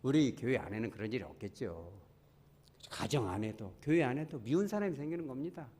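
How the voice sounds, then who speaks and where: A male pastor preaches to his congregation and tells a story, acting out the voices of the people in it. His pitch rises and falls widely, and he keeps turning to the listeners with questions. The long echo of a church hall trails after each phrase. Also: fairly quick, breathy edge. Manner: storytelling with lively quoted dialogue, asks the congregation questions. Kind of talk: sermon. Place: church sanctuary.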